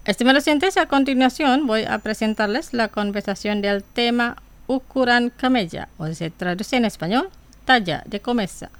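A woman presenting a radio language lesson, saying each phrase twice before she translates it. She speaks slowly and carefully and has a tongue. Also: on the high side, clean tone, no room sound.

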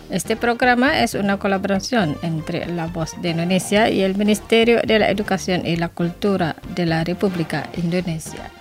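A woman hosting a scripted radio language lesson, saying each phrase twice slowly and carefully. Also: lowish voice.

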